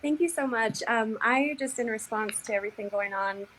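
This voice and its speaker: A woman's voice: on the high side, moderate pace, fairly bright tone, slight background noise, poor audio. A woman attendee joining a live video-call Q&A, asking a question in a self-deprecating way. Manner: self-deprecating, laughs at herself. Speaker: attendee of the online training.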